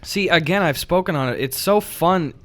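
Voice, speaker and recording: A man's voice: on the high side, moderate pace, fairly bright tone. A young American man co-hosting a podcast in casual comedic banter, swearing freely as he talks. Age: young adult. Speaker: podcast co-host.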